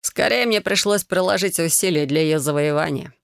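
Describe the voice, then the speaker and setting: A woman voicing a calm, wry young male dragon in an audiobook. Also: fairly low pitch, normal speed, creaky, no room sound, studio quality. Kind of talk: audiobook character voice.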